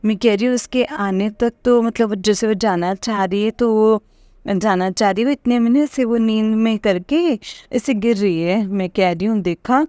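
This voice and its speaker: A woman's voice: mid-range voice, moderate pace, mellow, dry recording. A woman, telling a long personal dream story in a rambling, hesitant way, full of fillers and restarts. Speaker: devotee sharing a dream experience. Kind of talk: casual spoken testimony.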